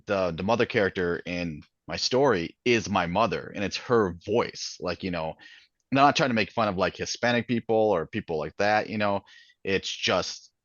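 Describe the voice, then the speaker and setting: In a casual author interview, a guest from Minnesota rambles in his Minnesotan accent, full of fillers and restarts and frequent laughter. He has a deep, slightly bright voice and a moderate pace; the audio is dull, with no room sound.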